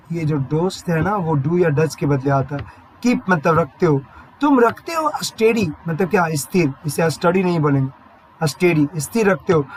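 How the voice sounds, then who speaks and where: A man teaching a lesson, explaining lines of a poem slowly and repetitively, asking questions and answering them himself. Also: high-pitched, low-quality recording. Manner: slow, repetitive explaining that asks and answers his own questions. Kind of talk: exam-prep lesson explaining English poetry. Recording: faint background noise.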